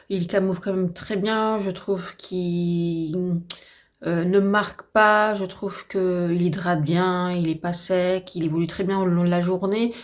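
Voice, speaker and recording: A slightly hoarse woman with a French accent chatting casually and enthusiastically through a makeup tutorial at home, with lots of fillers. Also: mid-range voice. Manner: chatty, enthusiastic, repeats herself with many fillers. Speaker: beauty vlogger. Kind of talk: casual get-ready-with-me makeup chat.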